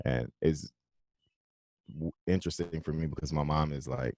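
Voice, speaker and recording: A young man from South Carolina speaks as a podcast guest, his voice extremely deep and dark. He talks in a loose, rambling way with easy laughs. The sound is dry and close. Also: normal speed, no room sound. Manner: relaxed, laughs often, loose rambling phrasing. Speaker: musician guest. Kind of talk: casual interview conversation.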